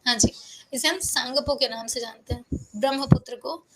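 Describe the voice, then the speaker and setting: A woman teaching an online geography class, feeling unwell and low on energy, who explains step by step, asks her own questions and then answers them, and keeps checking in with her students. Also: normal speed, heavy background noise. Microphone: close microphone.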